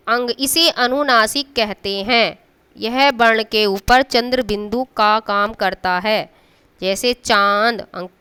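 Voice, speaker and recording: A woman's voice: medium pitch, sharp tone, clean tone. A woman teacher giving a patient classroom grammar lesson, drawing out sounds to demonstrate them and checking in with the class often. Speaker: school teacher.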